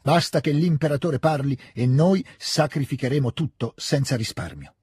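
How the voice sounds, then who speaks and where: A man's voice: mid-range voice, moderate pace, a little mellow, breathy edge, dry recording, studio quality, voice pushed up. A man voicing an emotional elderly nobleman who blusters and scolds in a raised voice. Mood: stirred. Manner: blustering, scolding, then good-natured. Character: emotional older nobleman, gruff, fatherly.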